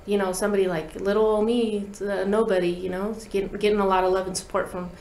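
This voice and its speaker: In a small podcast studio, a young adult talk box player guesting on the show explains things in slangy, casual interview talk with a demonstration. Her mid-range voice is flat, quick and a little mellow; the tabletop mic catches roomy echo and some light background noise.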